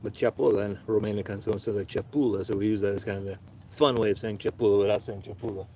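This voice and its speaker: The homestead livestream host has a lowish, warm voice, speaking fast with a steady tone. Working outdoors, he is sniffly from allergies, chats to himself and curses casually. A nearby camera catches it all in a noisy work-site recording.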